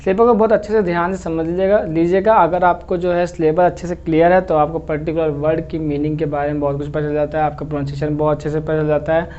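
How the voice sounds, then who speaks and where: A man's voice: fairly high pitch, flat delivery, quick pace, hardly any pauses, darkish tone. A man teaching a lesson, explaining patiently and repeating words, and he checks that the class follows. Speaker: English teacher. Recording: slightly dull lo-fi recording with faint noise.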